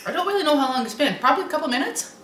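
A middle-aged woman chatting casually to camera, struggling to talk with her mouth and throat burning from spicy food, haltingly, clearing her throat and puffing out breaths. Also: sits high, expressive, a bit bright. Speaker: host of a food challenge video. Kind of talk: casual reaction chat to camera. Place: small indoor room with window blinds. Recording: echoey room with faint background noise.

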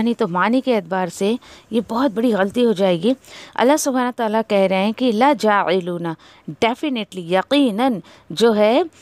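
Higher-voiced woman teaching Quran recitation. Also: no echo. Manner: corrects pronunciation, repeating syllables slowly to demonstrate. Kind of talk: tajweed lesson.

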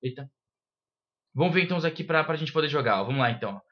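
A man, co-hosting a gameplay video with energetic, excited banter. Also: a little high, racing, dull audio. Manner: energetic, shouts and cheers at the game.

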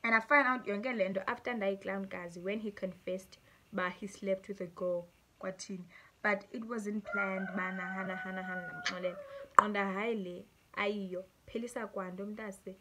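Over background noise, a young South African woman with a medium-pitched voice reads viewers' stories at a normal speed for her YouTube audience. She has a South African accent, mixes English and Xhosa, and reacts in an animated way with frequent laughter.

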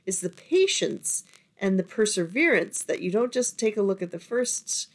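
A middle-aged woman instructor talks through a recorded lesson, her voice worn and going from overuse. She sounds encouraging and chatty, with the odd filler. Her pitch sits in the middle of the usual range for a woman. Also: very animated, normal speed. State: losing her voice. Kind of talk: lecture over screen recording.

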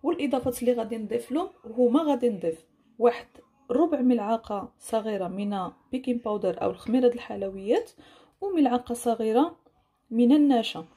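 A woman's voice: on the high side, animated, quick pace, mellow, breathy edge. A woman with a Moroccan accent narrating a casual cooking tutorial as a home cook, explaining and rephrasing each instruction. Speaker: home cook presenting a recipe.

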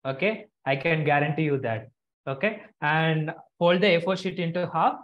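Online teacher, explaining to children, step-by-step instruction, frequent check-in tags, middling pitch, lo-fi call audio. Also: normal speed. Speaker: online craft class teacher. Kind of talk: live instructional lesson. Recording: dull lo-fi video call audio.

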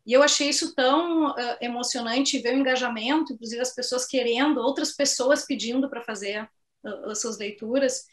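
A middle-aged woman from southern Brazil, a poet chatting at her online book launch and reading her poems, often tagging her sentences with little questions. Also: a little high. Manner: chatty, sprinkles tag questions, reads poems slowly. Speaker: poet and author. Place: home office on a video call.

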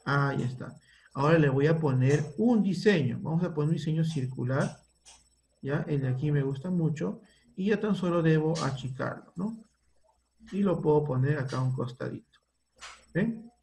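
A man's voice: on the high side, lively intonation, normal speed, a little mellow, a little hiss or hum. A man teaching a primary school computer class over a video call, patiently thinking aloud as he works on the screen, with a Peruvian Spanish accent. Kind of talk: online class, guiding a word-processing task.

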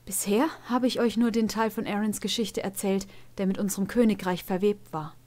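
A woman voicing a caring old male stallion tutor in a storybook reading, speaking gently and in a fatherly way. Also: medium pitch, steady tone, a little fast, close to an everyday voice. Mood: gentle.

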